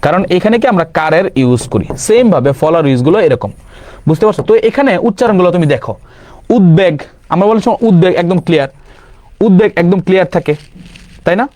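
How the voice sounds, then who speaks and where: A young man teaching grammar for an exam-prep class, firing quick questions and answering them himself, casually mixing in English words. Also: high-pitched, animated, a little mellow. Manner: quizzing with rapid questions and self-answers. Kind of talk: online exam-prep lesson.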